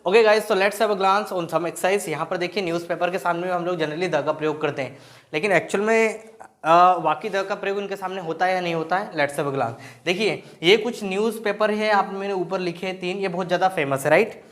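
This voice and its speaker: A man's voice: sits high, a little fast, fairly bright tone. A man teaching grammar in Hindi, asking and answering his own questions and often checking in with "right?". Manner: explains in Hindi mixed with English terms, asks and answers his own questions. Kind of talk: classroom-style grammar lesson.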